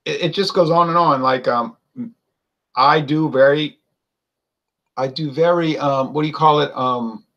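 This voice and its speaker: A man's voice: a little high, steady tone, a little slow, long pauses, a bit bright, highs cut off. A man co-hosting a casual wine chat, rambling and opinionated, with lots of fillers and restarts. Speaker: wine show co-host.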